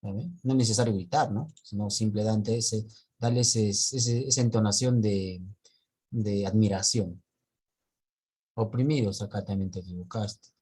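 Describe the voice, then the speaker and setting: Husky male teacher correcting reading aloud. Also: lowish voice, a little slow, dark tone. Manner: corrects students' reading point by point. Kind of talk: online reading class feedback.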